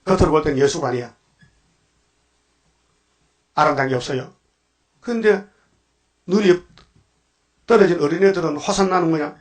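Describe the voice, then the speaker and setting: Older male pastor, dawn sermon, slightly high voice, jabbing rhetorical questions. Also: normal speed, long pauses. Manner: preaching with rhetorical questions and sudden emphatic bursts.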